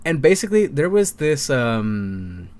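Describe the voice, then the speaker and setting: A man's voice: mid-range voice, big pitch swings, unhurried, a little mellow. A young man co-hosting a casual podcast, talking animatedly with frequent laughs and stumbling restarts. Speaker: podcast co-host.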